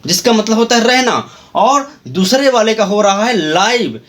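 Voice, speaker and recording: A man teaching an English grammar lesson, explaining each point slowly, spelling words out letter by letter and repeating himself. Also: high voice, animated, fairly bright tone.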